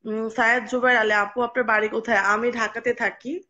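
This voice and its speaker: A woman's voice: a little high, level tone, a little fast, sharp tone, muffled recording. A young woman, hosting a casual live stream and answering viewer comments with lots of hesitations. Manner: chatty, reads out names and answers comments with frequent hesitations.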